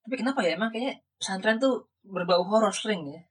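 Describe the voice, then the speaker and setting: Fast-talking bright young man, husky. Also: high voice, lively intonation. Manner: quick, joking, eager listener. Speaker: podcast host. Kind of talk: casual podcast chat. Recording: distant mic in a room at home.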